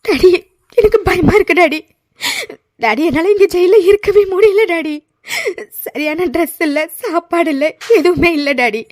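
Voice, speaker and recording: A woman's voice: high-pitched, expressive, moderate pace. A woman voicing a spoiled young woman in a cartoon, whiny and tearful as she pleads with her father. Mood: pleading. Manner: whiny pleading, keeps saying daddy. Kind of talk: cartoon voice acting.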